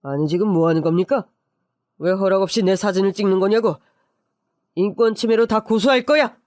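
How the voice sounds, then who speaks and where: A man voicing an enraged, disgraced middle-aged police officer who shouts defensively. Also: high-pitched, fairly quick, no room sound, studio quality, close to an everyday voice. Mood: furious.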